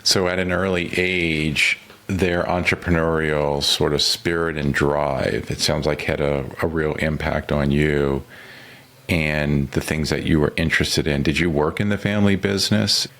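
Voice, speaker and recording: A man's voice: a bass voice, fairly even intonation, a little slow, a bit bright. A man hosting a podcast, asking questions in an encouraging, affirming way. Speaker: podcast host. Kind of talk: conversational interviewing.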